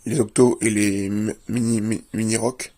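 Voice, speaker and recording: A man's voice: on the low side, little pitch movement, moderate pace, mellow. A man, a video creator, doing a casual show-and-tell and plainly listing items one after another. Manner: plainly lists items while leafing through a book.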